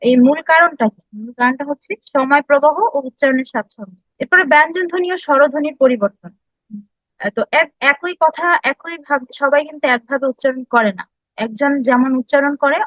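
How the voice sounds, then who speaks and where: A woman giving a classroom lecture, explaining step by step, asking her listeners questions and pausing often with filler sounds. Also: high voice, fairly bright tone, dry recording, poor audio. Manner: explanatory, frequent filler sounds and restarts, asks the audience questions. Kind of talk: classroom lecture on language history.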